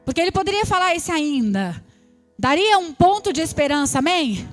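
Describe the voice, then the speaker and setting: Woman preacher, very high voice, emphatic drawn-out delivery, faint music underneath. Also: lively intonation. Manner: preaching with emphatic, drawn-out lines and frequent "amém?". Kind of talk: sermon.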